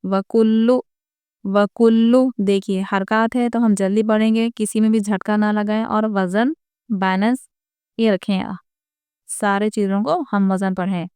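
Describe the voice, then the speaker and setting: A woman teaching Quran recitation rules in a patient, methodical lesson. Her voice is very clear and smooth, recorded close up with no room sound. She often pauses to ask her viewers rhetorical questions. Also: mid-range voice, fairly even intonation, a little mellow, no room sound. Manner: patient, explains each rule and asks rhetorical questions.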